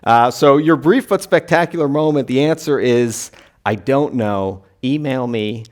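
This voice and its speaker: A man, creator of a video series, speaking haltingly and laughing often as a guest on a live panel. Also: medium pitch. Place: live event before an audience.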